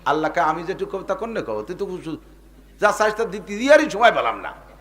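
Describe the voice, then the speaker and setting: A middle-aged Bangladeshi man preaches to a crowd in a somewhat high voice. He swings between loud, emphatic bursts and quiet asides. He keeps turning to his listeners with rhetorical questions. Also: sing-song, brisk. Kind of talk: sermon.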